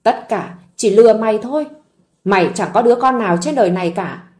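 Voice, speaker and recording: A woman's voice: mid-range voice, lively intonation, fairly quick, darkish tone, lightly acted. A woman voicing a vengeful young wife who speaks in a cold, mocking, harsh way.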